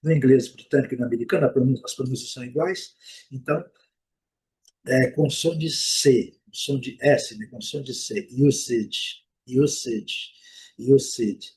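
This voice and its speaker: A man with a Brazilian Portuguese accent teaching English pronunciation, modeling each word slowly several times and checking in with frequent "né?" and "ok?". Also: mid-range voice, a little mellow, breathy edge. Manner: repeats words slowly, frequent "né?" and "ok?". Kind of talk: explaining pronunciation, slow modeled repetitions.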